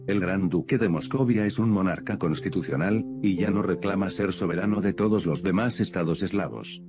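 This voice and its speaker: A man with a deep voice reading the lines of an earnest, gentle young woman in an audiobook, soft and patient. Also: brisk. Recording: music playing under the voice.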